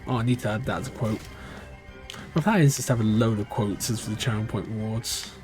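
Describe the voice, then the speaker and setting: Faint music runs under a fairly low, slightly fast, a little mellow male voice. He's from Britain, his accent moving between regions, and he chats and thinks aloud while streaming a live speedrun.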